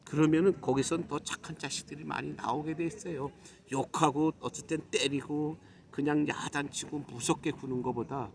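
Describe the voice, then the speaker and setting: A man's voice: medium pitch, gravelly. Earnest middle-aged Korean man lecturing. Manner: earnest, preachy, admonishing, with emphatic pauses. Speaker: YouTube commentator. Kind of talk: monologue lecture to viewers.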